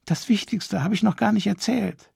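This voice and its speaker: A man reading an audiobook voices a distraught, weepy aristocratic woman with high-strung outbursts. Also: moderate pace, creaky, a little mellow, husky, dry recording, clean studio sound, exaggerated voice. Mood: agitated. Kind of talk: audiobook character voice.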